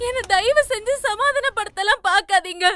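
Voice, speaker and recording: A crying young bride. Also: female voice, very high voice, normal speed, pushed and bright. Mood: tearful. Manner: desperate, pleading. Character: tearful young bride refusing her marriage. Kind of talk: TV serial acting. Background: background score music.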